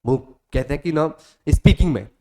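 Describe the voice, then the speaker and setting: A man's voice: a little high, lively intonation, normal speed, darkish tone. A male coaching teacher speaking. He gives a motivational class talk, repeats his points over and over, calls the students "beta" and sometimes acts out student voices.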